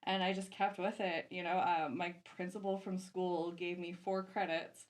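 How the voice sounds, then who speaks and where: A Canadian woman in her thirties, a soft-spoken, shy guest DJ chatting casually on a podcast with many fillers. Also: lowish voice, flat delivery, normal speed. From Vancouver, Canada. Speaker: guest DJ and producer.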